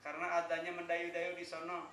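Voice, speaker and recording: A man's voice: a little high, monotone, a bit bright, reverberant, low-quality recording. A man giving a humorous sermon, telling stories and joking. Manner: joking, storytelling, chants Arabic phrases slowly. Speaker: preacher. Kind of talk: humorous sermon at a thanksgiving gathering.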